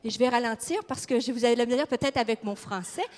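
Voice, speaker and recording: A woman's voice: a little high, fast talker, darkish tone. A woman with a Québécois accent preaching a fiery, emphatic sermon and putting questions to her audience in a church hall. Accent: Québécois French. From Quebec. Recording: long reverb of a large hall.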